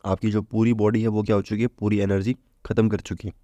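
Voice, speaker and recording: A man's voice: lowish voice, flat delivery, quick pace, mellow, dry recording. A man giving a casual vocabulary lesson, chatty, asking questions and answering them himself. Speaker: vocabulary teacher. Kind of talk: casual Hindi exam-prep lesson.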